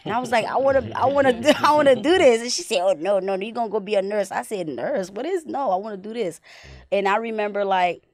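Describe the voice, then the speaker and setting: A woman's voice: mid-range voice, quick pace. A young woman from Haiti, a film director talking casually as a podcast guest. She tells stories reflectively and fills them with "like" and "you know.". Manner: reflective storytelling, many "like" and "you know" fillers.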